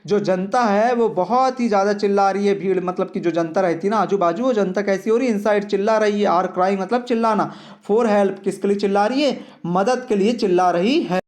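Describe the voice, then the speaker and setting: A man's voice: high voice, darkish tone. A man, teaching an English lesson to children and explaining each line patiently. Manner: slow, patient, addresses children directly. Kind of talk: reading an English worksheet aloud and explaining it in Hindi.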